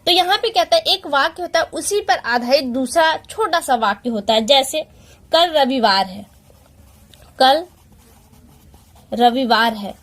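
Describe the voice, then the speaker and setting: High-voiced woman teaching a lesson. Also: animated, a bit bright. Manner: patient, explaining step by step with rhetorical questions; slows down to read out example sentences. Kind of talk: exam-prep lesson.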